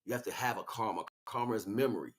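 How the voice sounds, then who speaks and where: A spiritual teacher hosting a livestream improvises a lecture, speaking fast in a lowish voice with emphasis, repeating key words and checking in through rhetorical questions.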